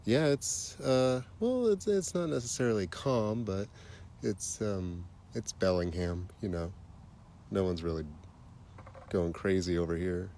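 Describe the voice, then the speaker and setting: A man hosting a casual livestream outdoors at night, chatty and quick to laugh, with a slightly stuffy nose, talking into a phone. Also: deep voice. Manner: relaxed, chatty, laughs easily. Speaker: livestream host. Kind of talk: casual live chat while stargazing.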